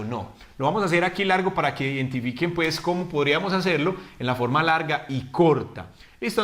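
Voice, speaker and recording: A man teaching an online English grammar lesson, who asks the viewers questions, answers them himself and says the English examples slowly. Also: a little high. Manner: lively, swings between Spanish explanations and slow, drawn-out English examples.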